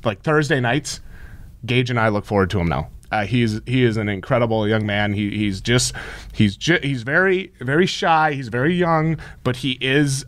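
A man chatting as a guest in a relaxed interview. He tells his stories in an animated, rambling way, often restarting his sentences. His voice sits at an ordinary male pitch. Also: dry recording. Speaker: store owner and guest. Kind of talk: casual interview chat.

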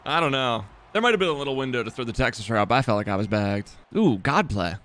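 A young gaming YouTuber talks fast through casual, self-deprecating commentary on his football video game. He swears a lot and lurches between excited yelling and low mumbling.

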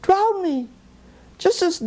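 A woman voicing a sly small male rabbit trickster in a storybook tale, begging in a high squeaky voice with exaggerated mock fear. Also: animated, takes it slowly, darkish tone, heavily acted, low-quality recording. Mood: pleading.

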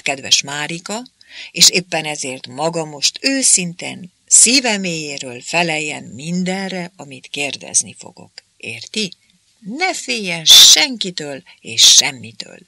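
Officious young interpreter, voiced by a male reader: sneering, preachy, bright and cutting tone. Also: fairly high pitch, gravelly, no room sound, heavily acted. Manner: mocking, then falsely friendly and preachy.

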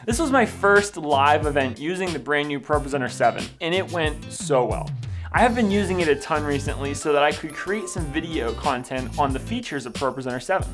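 A man's voice: fairly high pitch, lively intonation, brisk, over music. Upbeat young man narrating a tech walkthrough. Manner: upbeat, enthusiastic. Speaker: video producer narrating. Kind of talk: scripted voice-over walkthrough. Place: small room with blue wall.

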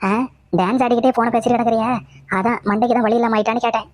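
A woman's voice: a little high, flat delivery, very fast, darkish tone, no echo, natural voice. A woman voicing a nagging cartoon mother-in-law. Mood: suspicious. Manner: scolding, repetitive nagging. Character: scolding middle-aged mother-in-law, nagging and fussy. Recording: dull lo-fi dry audio.

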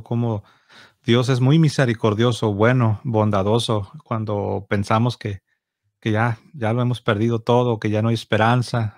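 A man in his thirties hosting an interview, hesitant and searching for words, on a studio boom mic at home. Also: darkish tone, no room sound. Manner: hesitant, many fillers and restarts while searching for words. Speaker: interview host. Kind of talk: casual interview talk. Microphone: studio mic on boom, headphones.

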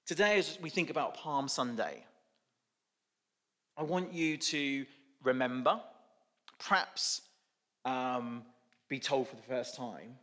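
A man's voice: medium pitch, a bit bright. A male preacher giving a sermon, telling a story with informal asides. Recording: echoey church hall.

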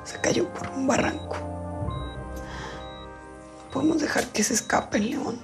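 An actress in her twenties playing a wounded, determined young woman, weak and breathy as she struggles to speak. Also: sits high, measured pace, music in the background. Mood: weak, urgent. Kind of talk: naturalistic telenovela acting.

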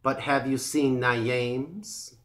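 A man's voice: mid-range voice, fairly even intonation, very slow, a bit bright. A man voicing a sly little tortoise. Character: clever, calm young female tortoise.

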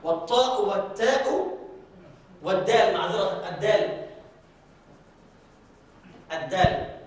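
A man teaching Quran recitation to a class, drawing out his recited examples slowly and often asking students whether they follow. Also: high voice, slight background noise. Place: large mosque hall. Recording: very echoey hall, from far off.

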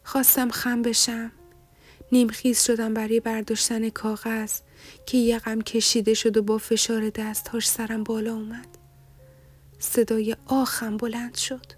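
Soft-spoken woman narrating a novel. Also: fairly high pitch, flat delivery, soft background music. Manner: soft, often breathy and half-whispered delivery. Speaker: audiobook narrator. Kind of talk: scripted first-person novel narration.

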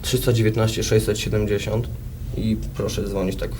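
A man's voice: fairly low pitch, level tone, moderate pace. A young man, a band musician, talking casually and hesitantly as an interview guest, on noisy 1990s TV tape. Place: TV studio.

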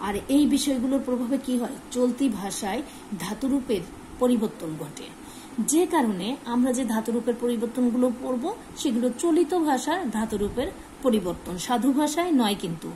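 Patient woman teacher, higher voice. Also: lively intonation, moderate pace, dark tone, slight background noise, rough recording. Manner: patient, asks and answers her own questions. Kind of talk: classroom grammar lesson.

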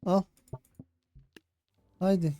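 Speaking extremely slowly in a dark tone over soft background music, this Turkish-accented gaming channel host comments on his strategy gameplay. He mutters tactics to himself in a let's play, his frustration building as his attempts keep failing.

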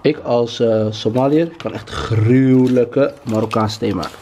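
A man's voice: medium pitch, fairly even intonation, a little slow, mellow. A man vlogging casually in slang mixed with Arabic and English, bossy and bantering. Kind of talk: casual vlog chat. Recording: noisy handheld vlog audio.

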